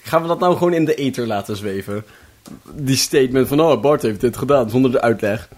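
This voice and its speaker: A young man with a voice of ordinary male pitch. He co-hosts a laid-back podcast, steering the talk and teasing his partner in a quick, playful way. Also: darkish tone. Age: young adult. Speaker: podcast co-host. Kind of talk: casual chat.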